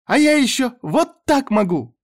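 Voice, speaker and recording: A man voicing a bold seven-year-old girl who shouts in a shrill voice from a storybook. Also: big pitch swings, normal speed. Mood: gleeful shouting. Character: excited little red-haired girl, seven, bold.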